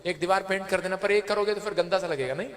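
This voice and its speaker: A man preaching a healing and deliverance sermon, forceful and repeating commands, often shouting. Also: sits high, quick pace. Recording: live hall with crowd and music.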